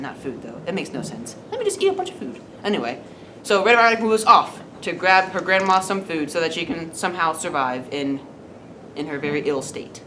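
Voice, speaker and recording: A woman's voice: lowish voice, a bit bright, slight background noise. A woman telling a comic fairy tale off the cuff, with playful self-corrections and wry asides. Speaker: storyteller. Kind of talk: improvised comic storytelling.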